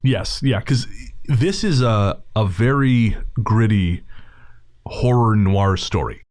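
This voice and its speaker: Pitched on the low side and a little mellow, this man talks at a slow pace while hosting a podcast. He kicks off the episode casually, speaking to his audience with informal slang.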